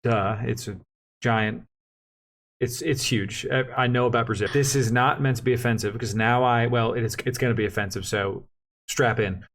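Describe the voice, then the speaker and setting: A young man, a vlog co-host, telling a story in casual chat with animated, lively delivery. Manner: animated storyteller, jumps up in pitch for quoted voices; fast talker, says so himself.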